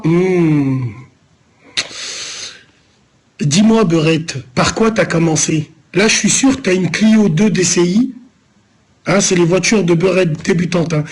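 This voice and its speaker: A man from Lyon, France, streaming live, answering viewers in a loose, rambling, teasing way full of street slang. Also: sits high. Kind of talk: casual live-stream chat.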